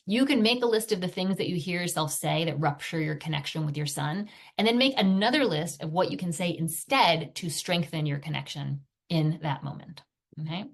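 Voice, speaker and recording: A woman's voice: sits low, normal speed, gravelly. A woman parenting coach teaching a video lesson in a conversational way, often checking in with her listeners. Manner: acts out quoted phrases parents say to their sons.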